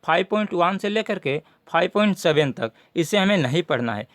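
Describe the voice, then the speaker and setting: Male teacher, high-pitched, dry close recording, methodical and repetitive. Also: lively intonation, fairly quick, fairly bright tone, dry recording. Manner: methodical, repeats points for students. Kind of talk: syllabus walkthrough lesson.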